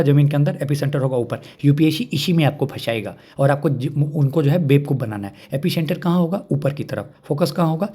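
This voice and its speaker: Mellow-voiced male exam-prep teacher. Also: fairly high pitch, slightly rough. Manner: repeats key points, checks understanding with questions.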